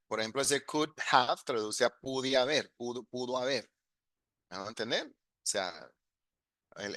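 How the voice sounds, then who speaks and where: A man teaches a live online English class, working through grammar step by step and moving back and forth between Spanish and English examples. His voice is bright and forward, and it sounds dry and close, with no room around it. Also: medium pitch, no echo.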